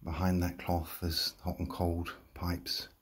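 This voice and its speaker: Flat-voiced low man giving a walkthrough. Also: takes it slowly. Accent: English. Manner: plain, matter-of-fact listing of features. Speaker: property seller giving a walkthrough. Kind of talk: casual property tour narration. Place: empty rooms of a shop building, indoors. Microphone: handheld phone, walking.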